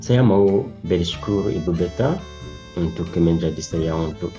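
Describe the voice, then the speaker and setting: Pria muda Uganda, asing berbahasa Indonesia, bersuara rendah. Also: male voice, low-pitched, mellow, soft background music. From Uganda, East Africa. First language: not Indonesian, learned as a foreigner. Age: young adult. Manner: foreigner speaking Indonesian, simple halting phrases. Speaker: international master's student. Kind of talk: personal testimonial to camera.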